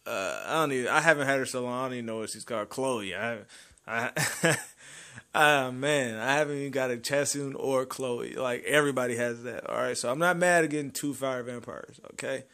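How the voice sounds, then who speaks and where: A young man giving casual gameplay commentary, excitable, swinging from loud cheers to low grumbling. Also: a little fast. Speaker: gaming channel host.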